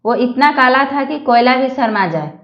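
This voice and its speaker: A woman's voice: high-pitched, animated, moderate pace, echoey room, muffled recording. A woman reading out a string of short jokes, voicing each character's lines. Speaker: joke narrator. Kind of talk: read-aloud jokes.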